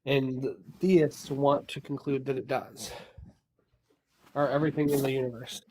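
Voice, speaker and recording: A man's voice: medium pitch, fairly even intonation, a little slow, a little mellow, rough recording. A middle-aged man in a casual online debate, explaining his points argumentatively and repeating himself as he goes. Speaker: panelist on a live debate stream. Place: online voice call.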